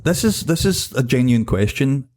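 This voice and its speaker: A man's voice: mid-range voice, big pitch swings, moderate pace, darkish tone, slight background noise. A man with a Glasgow street accent, chatting informally as one of the hosts of a podcast. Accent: Scottish, Glasgow. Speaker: podcast co-host. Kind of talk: casual chat.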